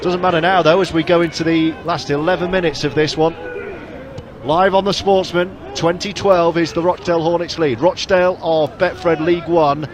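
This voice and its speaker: A man giving live play-by-play commentary on a rugby league match, rising to shouts at big hits. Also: on the high side, steady tone, normal speed. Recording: crowd noise behind.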